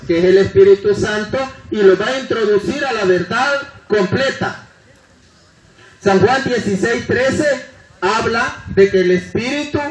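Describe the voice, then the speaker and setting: Guy preaching fast thru bible verses, high voice, echoey room w people around. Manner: hurried, citing scripture references. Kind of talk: sermon.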